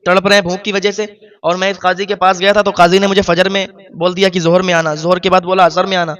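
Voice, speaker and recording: High-pitched, sorrowful, pleading poor man, voiced by a male preacher, sermon storytelling. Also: fairly bright tone. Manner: pleading, sorrowful, rising to anguished outcry. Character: poor grown man, weeping, desperate and pleading.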